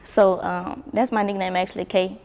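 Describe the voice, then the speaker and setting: This singer, a young woman from Baton Rouge, Louisiana, chats casually as an interview guest, relaxed, profane, and quick to laugh. Her gravelly mid-range voice stays flat, moves at an ordinary pace, and sounds somewhat dark, with the spacious acoustics of a large room.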